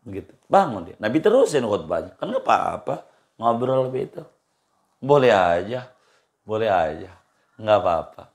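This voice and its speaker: A man's voice: on the low side, sing-song, moderate pace, long pauses. A man leads an informal religious study session. His talk is colloquial and easygoing, looping back over the same points and breaking into chuckles. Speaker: Islamic cleric answering questions.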